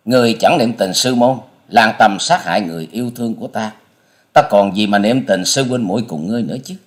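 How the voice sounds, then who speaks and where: A man voicing a young female martial artist, tearful and shrill as she cries out in grief and anger. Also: animated, moderate pace, lightly acted. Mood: furious.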